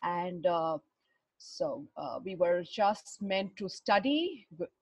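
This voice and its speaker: A woman's voice: lowish voice, lively intonation, a little mellow, slightly rough, no echo. Reflective middle-aged woman, educated Indian accent. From Bihar, India. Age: 40s or older. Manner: halting, reflective, searching for words. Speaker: interview guest, runner and fitness trainer. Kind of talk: personal life story in conversation.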